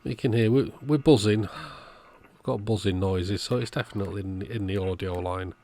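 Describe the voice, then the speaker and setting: A low-pitched male repairer narrates a relaxed repair walkthrough for his channel, indoors at a workbench. He moves at a moderate pace with a slightly mellow sound, sounding matter-of-fact, understated and as if thinking out loud.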